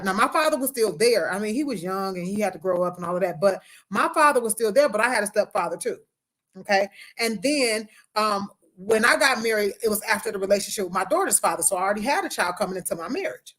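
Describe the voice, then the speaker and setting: A woman's voice: medium pitch, a bit bright. Woman host, speech slightly impeded by a retainer. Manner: emphatic, conversational, repeats key phrases for effect. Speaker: relationship coach and host. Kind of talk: casual livestream talk.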